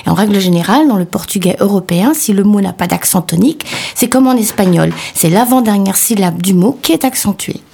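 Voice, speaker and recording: Husky woman going through spelling rules. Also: mid-range voice, fairly quick, hardly any pauses, warm tone. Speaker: radio co-host. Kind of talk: language lesson chat on radio.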